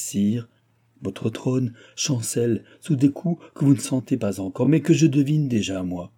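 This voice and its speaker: A man's voice: lowish voice, dark tone, slightly rough. A man reading the lines of a devout young princess in an audiobook, earnest and solemn.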